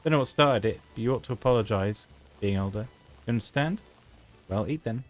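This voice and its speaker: A man voicing a kind middle-aged mother who gently scolds, while reading game dialogue aloud. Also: mid-range voice, brisk, natural voice. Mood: motherly.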